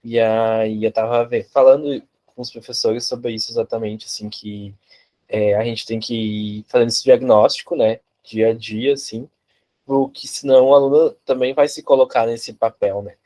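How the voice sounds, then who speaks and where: A man's voice: mid-range voice, steady tone, moderate pace, dark tone. A Brazilian man taking part in an online course, talking casually and hesitantly on a video call. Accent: Brazilian Portuguese. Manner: hesitant, filler-heavy, "assim" and "né". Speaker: course participant.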